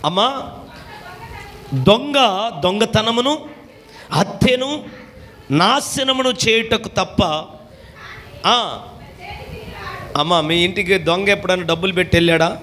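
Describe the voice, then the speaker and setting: A male pastor preaching a call-and-response revival sermon, often shouting for amens and clapping, his pitch swinging widely. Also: takes it slowly, pauses often, a little hiss or hum. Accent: Telugu. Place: church gathering.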